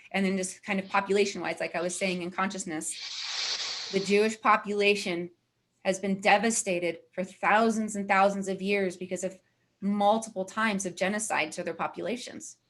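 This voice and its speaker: A woman's voice: medium pitch, a bit bright. A woman with a mid-range voice hosts a casual roundtable over a video call. She explains things earnestly, stacking up long run-on lists as she goes. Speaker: network founder and roundtable host. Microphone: video call microphone.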